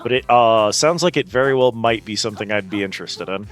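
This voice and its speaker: Hosting a live game stream, a man greets his viewers playfully and exclaims his hellos in casual chat. His voice sits on the low side, fairly quick and fairly bright, with music running underneath.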